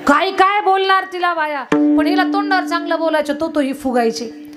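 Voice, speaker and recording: Female kirtan preacher, high-pitched and emphatic, over tabla. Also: moderate pace. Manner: emphatic, addresses audience directly. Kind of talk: devotional sermon with storytelling. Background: tabla music.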